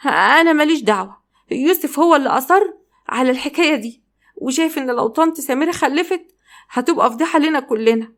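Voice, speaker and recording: A woman with an Egyptian Arabic accent voicing a scheming young wife who talks quickly. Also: high voice, animated, a bit bright, pitched above the performer's own voice. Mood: defensive.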